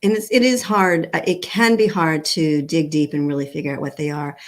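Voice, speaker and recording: Female host from New England, low voice, encouraging, asks long winding questions. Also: fairly even intonation, a little fast. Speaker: talk show host. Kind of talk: live talk show hosting.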